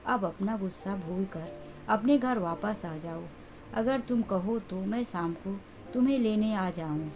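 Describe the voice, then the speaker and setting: A woman voicing a hurt young husband who pleads softly. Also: mid-range voice, a little slow, a little hiss or hum, close to an everyday voice. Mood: pleading.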